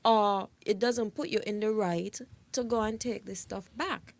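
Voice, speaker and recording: A woman's voice: mid-range voice, steady tone, a little slow, gravelly. A woman co-hosting a casual panel show, giving opinions firmly and repeating her key points for emphasis. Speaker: talk show co-host.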